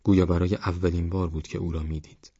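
A man reading a novel aloud as an audiobook narrator, calm and steady. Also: deep voice, breathy edge, dry recording. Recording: dull lo-fi audiobook with faint music. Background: faint background music.

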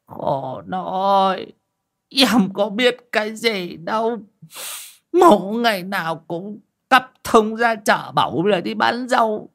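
A man's voice: on the low side, big pitch swings, unhurried, long pauses, fairly bright tone, husky, exaggerated voice. A male narrator voicing a desperate bald old man who begs for a loan, stammering and close to tears. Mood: lamenting. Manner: stammering, whining plea. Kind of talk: audiobook character voice.

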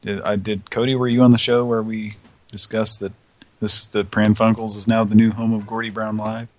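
A man's voice: on the low side, little pitch movement, moderate pace, no room sound. A man hosting a comedy show, rambling with lots of restarts and laughs. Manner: rambling, stumbling, laughing often. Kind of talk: loose comedic banter.

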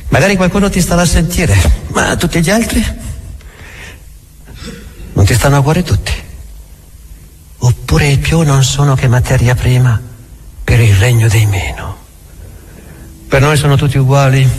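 An actor playing a bitter, accusing, imperious inquisitor in a theatrical monologue, deliberate and full of rhetorical questions. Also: male voice, medium pitch, breathy edge. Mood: cynical, insistent.

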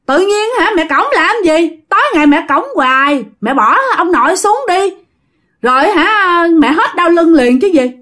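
A woman putting on a six-year-old kid, Southern Vietnamese accent, squeaky high voice, loud, keeps repeating itself. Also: expressive, a little slow, heavily acted. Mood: insistent. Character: six-year-old child, blunt and insistent.

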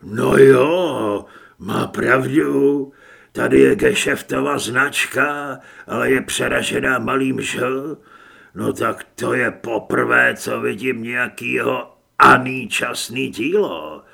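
A man voicing a coarse, hot-tempered thug who talks hoarse and rough in an audiobook. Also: mid-range voice, bright, forceful tone, pitched below the performer's own voice, heavily acted. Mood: gruff.

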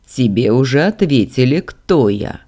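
A woman voicing a capricious male god, creator of dragons, who speaks slowly and with mockery. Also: very deep voice, expressive, mellow, exaggerated voice. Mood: mocking. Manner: slow, amused and mocking.

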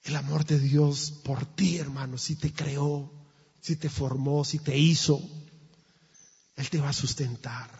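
A man's voice: fairly high pitch, fairly even intonation, measured pace, a little mellow, slightly rough. A man pastor, preaching a sermon emphatically, with repetition and rhetorical questions. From Colombia. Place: church. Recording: long church reverb, dull sound.

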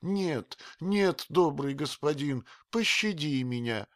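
A man reading an audiobook, voicing a very old grieving female servant who wails and scolds in a strained high voice. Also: lively intonation, slow pace, fairly bright tone, no room sound, studio quality. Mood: terrified. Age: older.

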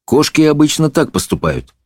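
A man voicing a calm, patient storybook wizard. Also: a little high, moderate pace, slightly rough, dry recording, studio quality, voice pushed up. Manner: patient, reasonable. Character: calm, kindly male wizard.

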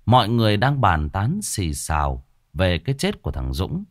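A man narrating a village ghost story in a slow, dramatic, folksy way. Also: low voice, wildly swooping pitch, no room sound, clean studio sound. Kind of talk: spoken horror story narration.

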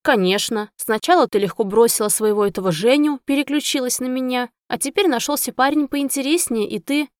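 A woman's voice: high voice, fairly quick, hardly any pauses, no echo, clean studio sound, natural voice. A woman voicing a jealous, brooding young male hunter who speaks curtly and bitterly in an audiobook. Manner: curt, bitter, accusing.

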